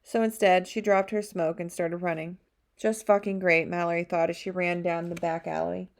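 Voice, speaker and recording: A woman narrating an audiobook chapter with a steady storytelling delivery. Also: fairly low pitch, normal speed, creaky. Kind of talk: scripted narration.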